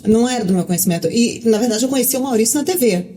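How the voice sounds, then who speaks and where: A woman's voice: fairly high pitch, rapid-fire, crowd noise. Chatty woman. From Rio de Janeiro, Brazil. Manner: talkative, lots of fillers and restarts. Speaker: guest, journalist. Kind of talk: casual interview chat.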